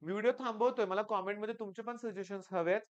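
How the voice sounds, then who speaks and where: Middle-aged male tutor, stern lecturing tone, high smooth voice. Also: fairly even intonation, fast, lo-fi sound. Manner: stern, lecturing, firm rhetorical questions. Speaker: coaching class teacher. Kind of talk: direct advice talk to students.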